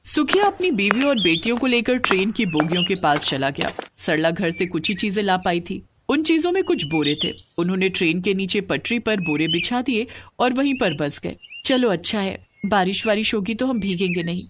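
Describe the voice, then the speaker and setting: Woman telling a cartoon moral story for kids, lively up and down voice. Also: mid-range voice, normal speed, few pauses, noisy background. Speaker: narrator.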